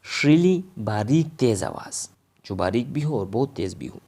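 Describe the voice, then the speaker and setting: A man's voice: mid-range voice, sing-song, mellow. A man with a Pakistani accent teaching a vocabulary lesson. He says each word, then explains its meaning.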